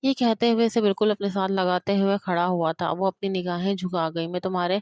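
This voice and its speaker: Smooth-voiced woman narrating a romance novel. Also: medium pitch, flat delivery, darkish tone, no room sound, studio quality.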